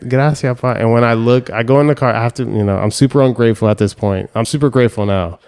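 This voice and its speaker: A young man from Hawaii hosting a podcast, telling animated stories and acting out voices and sounds. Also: medium pitch, fast talker, clear, resonant tone. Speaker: podcast host. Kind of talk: casual storytelling chat.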